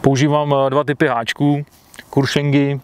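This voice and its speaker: A man in his thirties answers interview questions plainly and matter-of-factly through a clip-on mic while sitting at a fishing bivvy beside a lake. His voice is fairly high with little pitch movement, and crowd noise can be heard.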